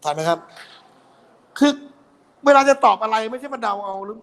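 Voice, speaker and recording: A man's voice: sits high, expressive, normal speed, fairly bright tone. A man tutoring physics for an exam review, walking through problems and checking often that students keep up. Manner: quizzing students with constant "got it?" checks.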